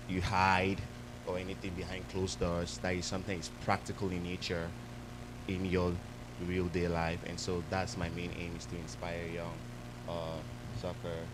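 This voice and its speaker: Young guy from cameroon on a panel, deep voice, lots of uhs, noisy recording. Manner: hesitant, many fillers. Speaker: panelist, content creator. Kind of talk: panel discussion. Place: church event hall.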